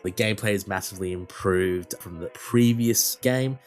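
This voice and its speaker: A man's voice: sits low, moderate pace, soft background music. A man co-hosting a casual gaming chat, enthusiastic and joking, delivering emphatic verdicts. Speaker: co-host.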